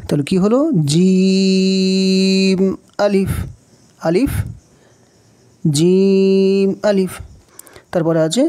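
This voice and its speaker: A man with a Bangladeshi Bengali accent who teaches Quran reading, slowly naming letters one by one and repeating them patiently. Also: high-pitched, mellow.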